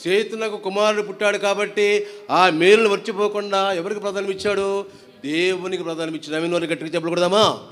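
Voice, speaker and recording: A man's voice: sits high, fairly even intonation, fast, big-room sound. A male preacher giving a sermon, reading scripture, asking the congregation questions and urging them to clap along. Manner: exhorting, asks the congregation questions and leads clapping songs. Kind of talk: sermon with Bible reading and singing. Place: church prayer hall with music playing. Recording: loud music behind the voice. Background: accompanying music.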